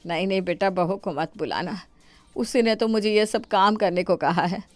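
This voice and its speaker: A woman voicing a scheming older mother-in-law in an animated story, with theatrical wailing and complaining. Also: medium pitch, moderate pace, no room sound, soft background music, close to an everyday voice. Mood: self-pitying.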